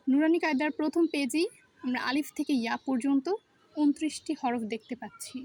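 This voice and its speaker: A woman teaching the Arabic alphabet in a step-by-step pronunciation lesson, saying each letter slowly and repeating it. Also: sits high, darkish tone.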